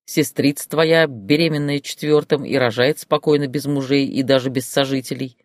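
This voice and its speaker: A reader voicing a sulky, sardonic young man who grumbles back at his accusers quickly and dryly. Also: medium pitch, fairly even intonation, no echo, clean studio sound, lightly acted. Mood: grumbling.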